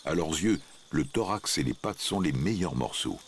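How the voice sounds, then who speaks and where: A man's voice: very deep voice, expressive, normal speed, slight background noise. A man reading scripted narration for a nature documentary.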